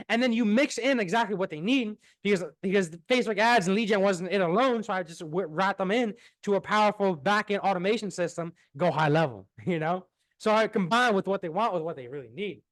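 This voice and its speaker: A man's voice: sits high, no echo. A young man talking casually about marketing, rambling, repeating words and swearing now and then. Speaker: marketing entrepreneur. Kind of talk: casual business talk.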